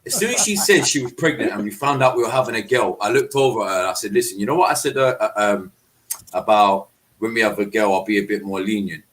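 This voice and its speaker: A man's voice: lowish voice, fast, fairly bright tone, rough recording. A man chatting casually as a football fan podcast host, slangy and emphatic, repeating himself for effect. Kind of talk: casual chat.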